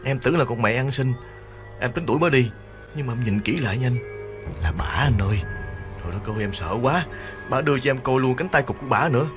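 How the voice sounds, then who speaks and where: A man voicing a frightened young man who whimpers and pleads in a shaky voice, with soft music behind. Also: mid-range voice, lively intonation, brisk, pitched above the performer's own voice, lightly acted. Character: frightened young man, a small-time thief begging.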